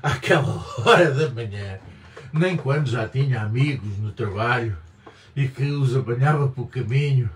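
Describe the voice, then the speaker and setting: A man's voice: medium pitch, normal speed, slight background noise. An older man from Portugal with a European Portuguese accent, talking in a rambling, digressive monologue full of emphatic repetitions. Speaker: vlogger. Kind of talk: casual opinion monologue. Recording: roomy, distant mic, faint ambience.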